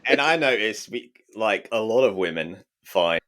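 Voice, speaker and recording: A man's voice: lowish voice, lively intonation, moderate pace, sharp tone. A man co-hosting a casual podcast, teasing his co-host and thinking aloud with restarts.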